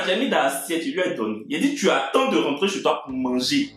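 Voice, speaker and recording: Animated young Ivorian storyteller. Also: male voice, fairly high pitch, a little fast. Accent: Ivorian French. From Côte d'Ivoire. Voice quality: animated, swings between murmurs and outbursts. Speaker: comedian storyteller. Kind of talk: comic storytelling to camera. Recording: very echoey room, faint music.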